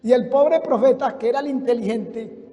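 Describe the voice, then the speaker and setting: A male preacher with a very high voice delivers a fervent, storytelling sermon. He calls out to his listeners as brother. His words ring through a large church hall with a long reverb. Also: normal speed, warm tone.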